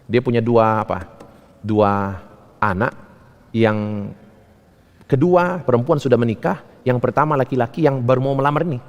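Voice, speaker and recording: A male pastor preaching a sermon, telling stories and asking rhetorical questions, swinging between high and low phrases. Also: normal speed, long pauses, long reverb tail, dull audio. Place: church.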